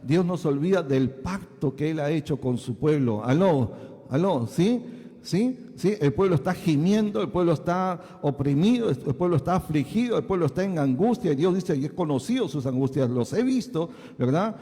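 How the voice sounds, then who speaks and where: A man's voice: on the high side, lively intonation, normal speed, warm tone. A male pastor teaching a sermon, asking the congregation again and again whether they follow. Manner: asks the congregation many checking questions. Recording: long hall reverb.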